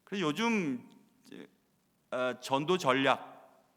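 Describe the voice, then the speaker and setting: A man preaching a sermon as pastor at live worship, acting out quoted lines with loud bursts and mixing in short English phrases. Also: fairly high pitch, expressive, slow. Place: church sanctuary during live worship. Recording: long hall reverb from church sanctuary.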